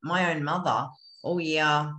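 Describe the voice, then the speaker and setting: An Australian woman co-hosting a casual discussion over a video call, telling a story in an animated, agreeable way. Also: low voice, slow. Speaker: co-host. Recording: roomy echo.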